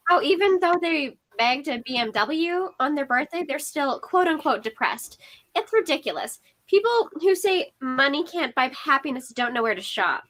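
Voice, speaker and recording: Snobbish teen girl voiced by a woman, sarcastic, breezy, high-pitched. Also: a bit bright, a little hiss or hum, poor audio. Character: snobbish teenage girl, cool and cutting. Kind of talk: table read of a screenplay.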